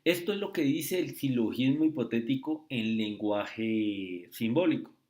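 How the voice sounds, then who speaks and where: A man tutoring logic in a screen-recorded lesson, speaking slowly and often checking with "¿sí?" and "¿listo?". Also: mid-range voice, lively intonation, a little mellow. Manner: slow, repetitive, asks rhetorical checks.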